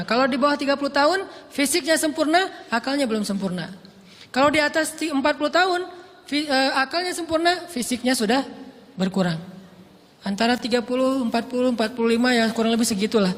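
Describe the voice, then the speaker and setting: A man in his thirties preaching a storytelling sermon, acting out the quoted dialogue in a raised, lively voice. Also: very high-pitched. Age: 30s. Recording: long hall reverb.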